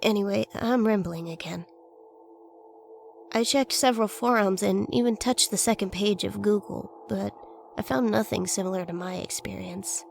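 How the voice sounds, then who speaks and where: Female horror narrator, scripted first-person tale, mid-pitched, slight background noise. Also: moderate pace, vocal fry. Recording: faint noise and ambience behind voice.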